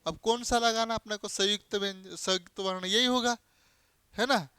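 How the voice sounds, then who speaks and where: In a Hindi grammar class, the teacher repeats key terms, spells out letters, uses everyday examples, and answers his own questions. He speaks at a moderate pace in a high, steady, bright, forceful voice that's clean and echo-free.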